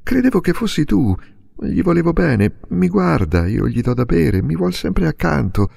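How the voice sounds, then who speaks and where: A man's voice: on the high side, sing-song, normal speed, gravelly, darkish tone, husky, voice pushed up, exaggerated voice. A man voicing a young boy who pleads tenderly and anxiously, in an audiobook reading. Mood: pleading. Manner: emotional, breaking into eager pleading.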